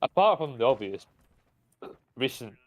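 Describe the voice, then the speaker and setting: A man's voice: medium pitch, very animated, unhurried, phone-quality sound. A man casually chatting on a live stream. He rambles with lots of restarts and hesitations and swears freely.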